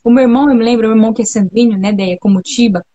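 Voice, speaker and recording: A woman's voice: fairly high pitch, racing, mellow. A woman from Brazil hosting a live talk, speaking in a chatty, reflective way that keeps checking in with her listeners. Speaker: host of a live talk on temperaments. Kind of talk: casual live chat.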